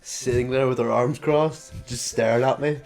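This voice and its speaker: Young man, animated storyteller, chatty podcast host, faint music behind. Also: medium pitch, moderate pace, creaky. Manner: animated storytelling, acting out voices, laughing often. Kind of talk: casual chat.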